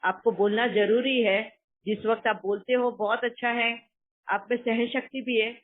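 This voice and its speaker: A woman spiritual teacher leading an online session, calmly reassuring and guiding a caller. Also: a little high, normal speed. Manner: calm, reassuring, affirming with hmm and yes. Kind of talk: spiritual counseling talk. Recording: tinny online call audio.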